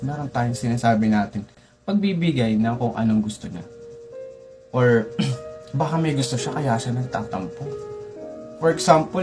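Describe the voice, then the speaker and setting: A young man hosting a comedic tutorial, lecturing playfully and jumping up in pitch for emphasis. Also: darkish tone. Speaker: tutorial host.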